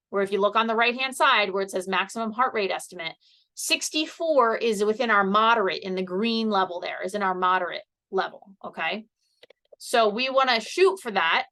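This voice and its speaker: A woman giving a relaxed health presentation while seated. She speaks chattily, with plenty of fillers, and her voice has a bright, forceful edge as she explains each step. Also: fairly high pitch. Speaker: health educator. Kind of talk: casual instructional presentation. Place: seated indoors.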